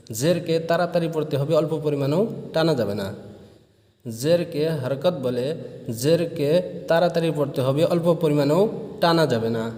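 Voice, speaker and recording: A fairly high-voiced man teaching recitation, drilling each rule several times in a slow, careful way. His voice rings with long reverb, as if recorded in a large hall. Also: dark tone. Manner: repeats rules slowly, drawing out syllables in drills. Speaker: Quran reading teacher. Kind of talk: recorded online lesson.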